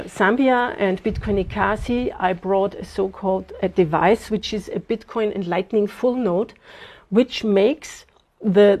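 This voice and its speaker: A woman in her fifties, from Austria, talks through an interview with earnest, steady thought, pausing on fillers as she goes. Her voice has a mellow, darker tone, set at an ordinary pitch for a woman. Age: 50s. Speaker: guest, bitcoin advocate. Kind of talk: casual interview talk.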